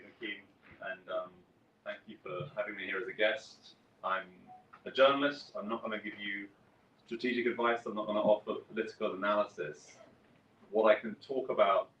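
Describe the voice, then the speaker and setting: A man in his forties speaks in a very low voice, wry and conversational as he tells his story at a conference. He sits well back from the mic in an echoing hall. A faint hum of room ambience runs underneath. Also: fairly bright tone, distant mic, dull audio. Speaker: guest speaker, journalist. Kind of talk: conference talk.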